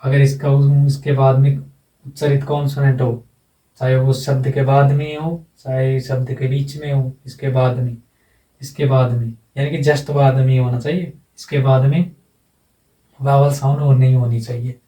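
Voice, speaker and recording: A man teaching English phonetics, going slowly and repeating each sound several times, often checking in with a short tag question. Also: mid-range voice, flat delivery, mellow, echoey room, far from the mic, poor audio. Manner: ends phrases with a checking "है ना". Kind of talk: whiteboard phonetics lesson.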